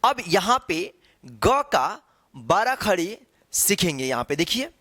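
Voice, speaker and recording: A male teacher walks learners through each syllable at an unhurried pace. He poses a question, then answers it, stretching sounds so they can be copied. The recording is dry and close, with no room around the voice. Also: high voice, big pitch swings, sharp tone, no room sound. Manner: repeats rhetorical questions, drawn-out syllables. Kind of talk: slow, patient classroom instruction.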